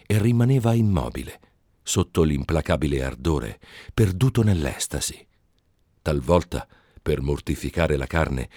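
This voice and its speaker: A man narrating a literary tale in a slow, measured reading. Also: very deep voice, darkish tone, no room sound, clean studio sound. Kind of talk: scripted narration.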